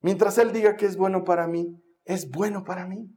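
A man preaching a sermon, telling Bible stories in a dramatic, animated way with jokes along the way. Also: high-pitched, normal speed.

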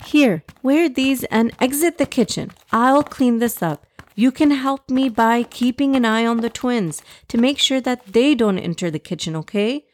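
A woman voicing a caring, gently instructive mother in a children's story. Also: fairly high pitch, animated, unhurried, voice pushed up. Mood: reassuring. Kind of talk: children's story character dialogue.

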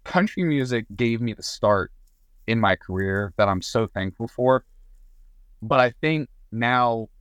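Chatting as a podcast guest, this Southern Maryland singer-songwriter keeps starting over and using fillers in a loose, talkative way. He has an expressive, medium-pitched voice that's a bit bright, measured in pace, with a clean tone and no echo.

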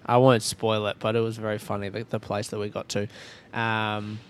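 A man's voice: fairly low pitch, monotone, moderate pace. Australian man podcasting on a noisy boat. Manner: rambling, informal and conversational. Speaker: podcast host. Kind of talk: casual solo podcast intro. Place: recorded on a ferry at sea. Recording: clear ambient noise aboard a boat. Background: ferry ambience.

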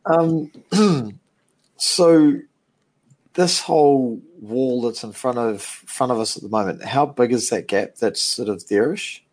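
A man's voice: mid-range voice, slow pace, a little mellow, rough recording. A man playing in a tabletop game, asking questions and thinking aloud about his next move. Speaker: player.

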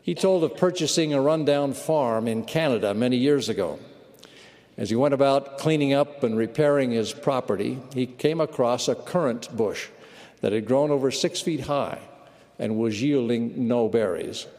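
A man's voice: mid-range voice, darkish tone. Earnest man preaching in a big hall. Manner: measured, earnest delivery. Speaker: church leader giving a conference talk. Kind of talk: sermon. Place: large conference hall. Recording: long reverb of a large hall.

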